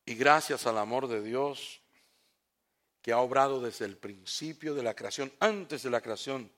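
A man preaching a sermon, swinging from hushed tones to shouts and asking the congregation rhetorical questions. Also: mid-range voice, a little slow.

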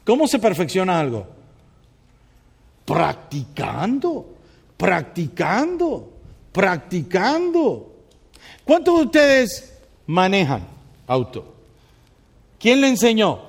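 A male pastor preaching a sermon with lively energy, often asking the congregation questions and telling personal anecdotes. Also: high voice, unhurried, pauses often. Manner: animated, asks the congregation questions, tells anecdotes. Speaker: pastor and counselor.

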